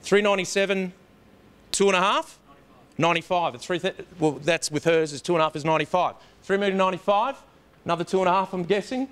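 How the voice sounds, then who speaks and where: A man calls a live auction in a high-pitched voice. He chants the bid figures over and over at a quick clip. He addresses the room directly, urging bidders on. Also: fairly bright tone, clean tone. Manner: repetitive rapid-fire chant of bid figures.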